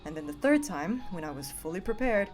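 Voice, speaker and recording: A woman streamer reading visual novel narration aloud in an expressive, playful way. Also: fairly low pitch, fairly quick, faint music behind. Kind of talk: reading narration with casual asides.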